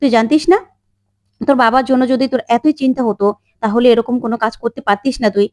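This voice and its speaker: A woman's voice: fairly high pitch, fast talker, darkish tone, no room sound, close to an everyday voice. A woman voicing a cold, contemptuous middle-aged aunt. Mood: sneering.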